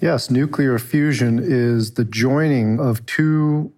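A man, a physicist guest, answering interview questions in a measured, careful way. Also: medium pitch, a little mellow. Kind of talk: podcast interview.

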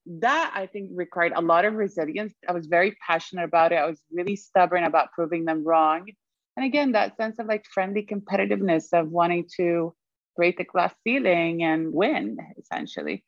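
A young woman raised in Sweden as an interview guest, reflective and quick to laugh. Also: on the low side, lively intonation, no room sound, muffled recording. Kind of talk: conversational interview.

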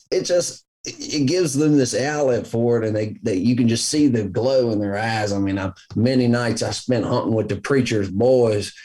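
A man's voice: medium pitch, darkish tone. A man with a Southern US accent chatting casually and telling stories in a folksy, earnest way, repeating himself for emphasis. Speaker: hunter in conversation. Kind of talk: casual conversation, storytelling.

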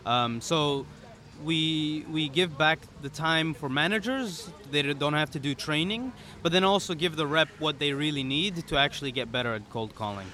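A young man, a startup founder being interviewed on a podcast, talking in a relaxed way with many "you know"s. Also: a little high, normal speed, a little hiss or hum. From Serbia, raised in the UAE. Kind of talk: casual interview. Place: pop-up studio at a conference.

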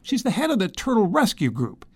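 A man's voice: sits high, huge pitch swings, brisk, a little mellow, slight background noise. A man narrating a scripted television news feature as a correspondent.

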